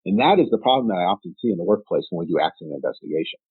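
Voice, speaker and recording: A man's voice: low voice, sing-song, rapid-fire, slightly rough, no room sound. A man co-hosting a workplace safety podcast, explaining his points in a methodical, casual way. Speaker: podcast co-host. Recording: tinny phone-like line.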